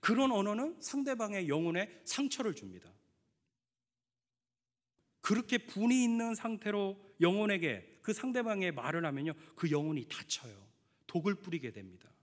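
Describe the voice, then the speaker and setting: Animated male pastor in a reverberant church. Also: sits high. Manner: emphatic, asks the congregation questions, tells family anecdotes. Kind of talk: sermon. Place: church sanctuary. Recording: long church hall reverb.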